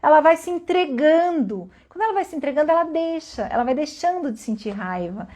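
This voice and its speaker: A woman giving a calm, reflective spoken lesson at an unhurried pace, often pausing to ask her listeners questions. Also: sits high. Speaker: teacher.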